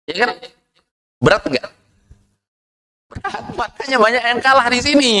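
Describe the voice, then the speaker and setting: A man preaching a sermon, lively, asking the audience questions and answering them himself. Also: rough recording. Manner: lively, swings from low asides to high rhetorical questions.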